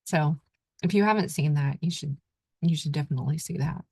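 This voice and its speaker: A woman's voice: low voice, a little fast, gravelly, darkish tone, husky, dry recording. A middle-aged woman from Oklahoma hosting a casual screen-share talk, thinking aloud with lots of fillers. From Oklahoma, USA. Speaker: channel host.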